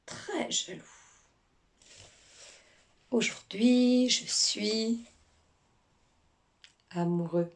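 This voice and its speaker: A woman voicing a little fish that tells its feelings, in whispered role-play, slow, soft and drawn out. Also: fairly high pitch. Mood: hushed.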